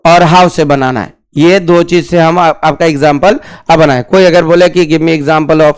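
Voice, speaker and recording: Male teacher; smooth, resonant voice, asks and answers his own questions. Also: on the high side, fairly even intonation, unhurried. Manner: repeats key words, asks questions then answers them. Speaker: English grammar teacher. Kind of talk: classroom grammar lesson.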